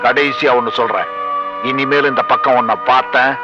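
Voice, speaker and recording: A man's voice: medium pitch, fairly even intonation, brisk, over music, natural voice. An actor playing a threatening rival man who sneers and bullies, in a 1980s film drama. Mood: menacing. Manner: menacing, sneering taunts. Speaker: rival troupe leader. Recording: dull lo-fi film soundtrack.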